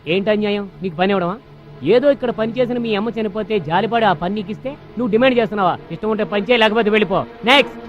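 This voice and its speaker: A man acts a sneering, dismissive paymaster in a Telugu film drama. He talks curtly and very high for a man, at a quick pace. The soundtrack is dull. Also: over music, lightly acted. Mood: scornful. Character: scornful, dismissive male paymaster of labourers.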